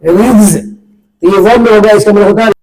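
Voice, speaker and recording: A man teaching an English pronunciation lesson to pupils, slowly repeating and spelling out sounds. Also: sits high, steady tone, a little mellow, rough recording.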